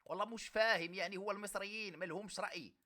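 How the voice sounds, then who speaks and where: An Egyptian man with an Egyptian Arabic accent hosts a live stream and reacts to viewer comments. His voice is bright and forceful. He answers with biting sarcasm. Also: sits high, fairly even intonation, very fast. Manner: mocking, sarcastic, reads comments aloud.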